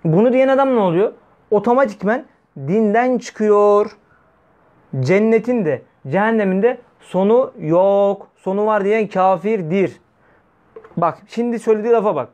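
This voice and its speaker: Fiery, high-voiced preacher. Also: male voice, lively intonation, moderate pace, a little mellow, muffled recording. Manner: fiery, scolding, rhetorical questions to listeners. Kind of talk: weekly religious talk.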